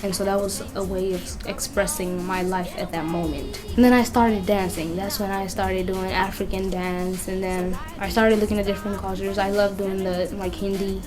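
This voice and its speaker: A woman's voice: mid-range voice, flat delivery, normal speed, few pauses. A young woman from Kenya, talking earnestly and reflectively in a casual interview at a community center. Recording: music playing under the voice.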